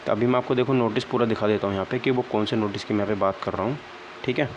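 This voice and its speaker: Rapid-fire delivery marks this young adult man, whose fairly low voice keeps fairly even intonation. He's an exam-prep vlogger talking conversationally to viewers, sounding downcast and disappointed, and he often checks in with "okay, right." Dull lo-fi sound carries a trace of background noise.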